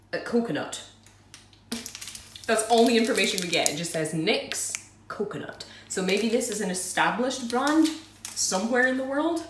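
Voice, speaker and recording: A woman chatting casually as she unboxes and tastes snacks, self-deprecating and giggly. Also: mid-range voice. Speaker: food vlogger. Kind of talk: casual unboxing and tasting review. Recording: roomy echo, mic at a distance, faint noise.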